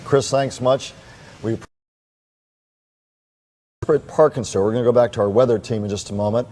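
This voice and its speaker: An American man anchors live breaking news in a medium-pitched voice. Faint noise sits behind him as he talks. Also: fairly even intonation, fast talker, warm tone.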